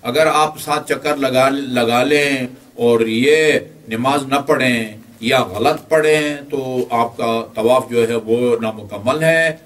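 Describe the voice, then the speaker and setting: Middle-aged male religious teacher, halting lecture delivery, mid pitch, recorded slightly off-mic. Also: a bit bright, recorded from a distance. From Pakistan. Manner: hesitant, many filler sounds; explains step by step. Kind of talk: Hajj training class lecture.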